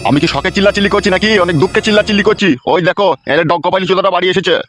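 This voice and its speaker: Man voicing a cartoon father, slightly high, very fast, ranting, coarse, complaining. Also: fairly even intonation, over loud music, close to an everyday voice. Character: exasperated cursing middle-aged father. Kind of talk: cartoon voice acting.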